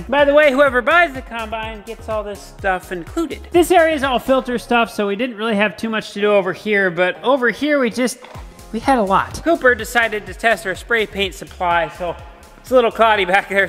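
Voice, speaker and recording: A young man vlogging from his farm shop, upbeat and energetic, talking to a handheld camera. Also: sits high. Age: young adult. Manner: upbeat, energetic, talks to camera while walking around. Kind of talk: casual vlog narration. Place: large metal farm shop, indoors. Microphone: handheld camera at arm's length.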